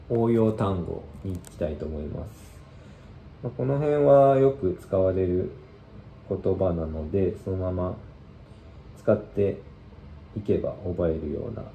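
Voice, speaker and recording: A man giving a casual language lesson, explaining slowly and loosely with many fillers. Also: sits low, dark tone, echoey room, slight background noise, low-quality recording. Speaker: Spanish teacher.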